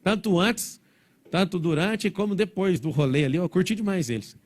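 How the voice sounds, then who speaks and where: A man giving a motivational stage talk to a live audience, blunt and provocative in a rapid-fire way. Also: sits high. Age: adult, father of four. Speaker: motivational speaker.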